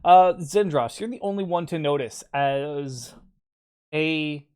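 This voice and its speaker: A man's voice: a little high, takes it slowly, darkish tone, clean tone. A man narrating a tabletop game as game master, hesitant and full of fillers.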